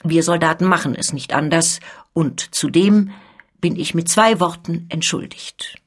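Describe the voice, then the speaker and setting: A woman's voice: fairly low pitch, unhurried, husky. A woman reading as a proud soldierly count. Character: a male French count, a guard colonel, soldierly and proud.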